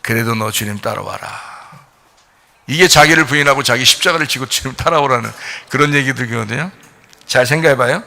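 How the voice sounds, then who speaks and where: A male pastor preaching a sermon, addressing listeners directly in blunt informal speech, with sudden loud rises and hushed questioning drops. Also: medium pitch, a little fast, gravelly.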